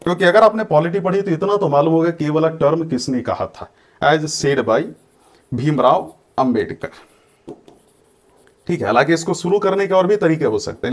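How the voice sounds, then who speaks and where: A male coaching teacher from India lectures students on answer writing, mixing Hindi with Indian-accented English and dictating model lines word by word. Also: fairly high pitch. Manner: addresses students directly, checks they follow. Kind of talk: exam-prep lecture.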